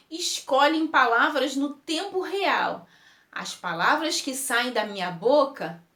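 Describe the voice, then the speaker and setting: Lady reading a first person piece, high voice swooping all over, roomy echo. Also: fairly bright tone. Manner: slow, emotive, lingering on words. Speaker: reader.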